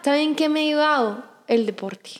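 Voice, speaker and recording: A young woman chatting casually, telling a personal story in an animated way with many restarts. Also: sits high, normal speed. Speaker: podcast guest. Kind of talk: casual chat.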